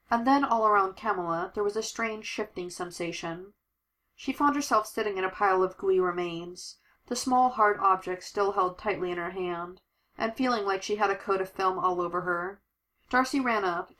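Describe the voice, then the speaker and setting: A woman reading a superhero story aloud, giving the characters lively voices. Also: mid-range voice, rough recording. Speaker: audiobook narrator.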